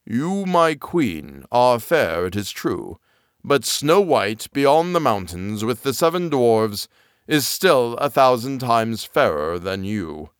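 A man doing a slow, solemn magic mirror. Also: mid-range voice, sing-song, smooth, no echo, clean studio sound.

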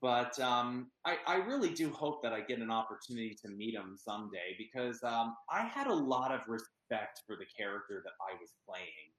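A man's voice: mid-range voice, expressive, moderate pace, hardly any pauses, fairly bright tone, echoey room, rough recording. A man from Pennsylvania talking as an actor in an interview, earnest and chatty with many ums. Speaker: actor and guest. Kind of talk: casual interview chat.

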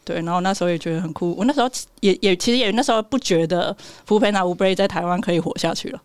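A young man with a Taiwanese Mandarin accent and a soft, cutesy lilt, talking casually as an interview guest. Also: high voice, racing, smooth, dry recording. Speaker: guest, app startup founder.

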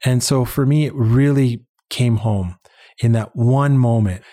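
This man, head of an international eye-care charity, speaks a little slowly in a mellow, mid-range voice. Born in Uganda and later living in Canada, he tells personal stories as an interview guest, earnest and reflective, repeating words for emphasis.

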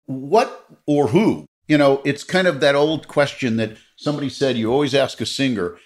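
A man's voice: medium pitch, normal speed. A middle-aged man interviewing a guest, asking long expansive questions with emphatic, repeated phrases. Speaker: interviewer host.

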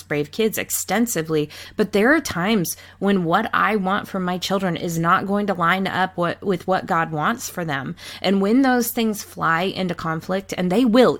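A woman author answering interview questions in an earnest manner. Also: on the low side. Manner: earnest, fluent with some restarts. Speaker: author guest.

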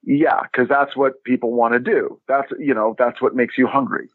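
A man's voice: medium pitch, fairly even intonation, normal speed, dry recording. A man co-hosting a podcast in casual, comic chat. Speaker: podcast co-host. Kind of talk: casual comic chat about an old TV show. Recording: roomless, dull phone-like line.

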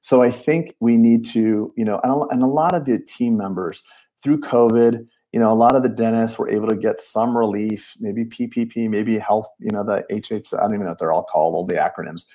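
A man in his late forties, a dentist guest talking in an animated, emphatic way on a podcast. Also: fairly low pitch, brisk. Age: 40s. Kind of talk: casual podcast conversation.

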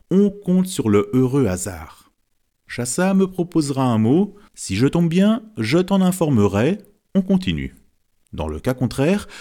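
A man's voice: medium pitch, dark tone, voice pushed up. A man voicing a confident older fortune teller who reads characters, in an audiobook. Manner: confident, lecturing.

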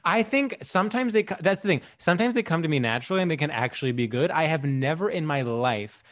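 A man's voice: fairly high pitch, animated, fast, fairly bright tone. Wry, self-deprecating man. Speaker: podcast co-host. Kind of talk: casual comedic chat.

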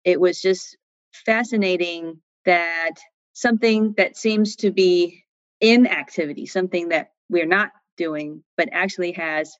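A woman's voice: on the low side, a little slow, dry recording, lo-fi sound. A middle-aged woman from Taiwan, a sleep physician, answering podcast interview questions thoughtfully with fillers and restarts.

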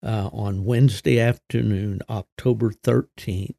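An older man with a gravelly voice, hosting a solo podcast in a folksy, unhurried, conversational way. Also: lowish voice, steady tone, dark tone. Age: 60s or older. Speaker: podcast host.

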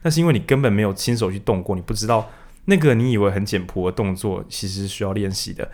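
A man's voice: lowish voice, fast talker, a little mellow. A man co-hosting a casual book discussion, acting out quotes in raised voices. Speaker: podcast co-host.

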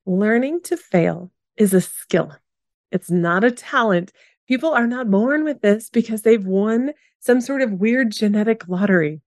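A woman's voice: on the high side, no echo, studio quality. A woman in her forties hosting a solo motivational podcast for photographers. She talks in an upbeat, encouraging way, asks her listeners questions and laughs easily. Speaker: podcast host and business coach for photographers.

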